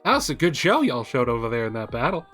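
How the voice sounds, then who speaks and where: A woman's voice: a bass voice, big pitch swings, fast talker, fairly bright tone, faint music behind, full character voice. A man voicing a chirpy woman sergeant major and mechanic who talks in a folksy, sugary way. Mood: cheerful. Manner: folksy and sugary, says y'all.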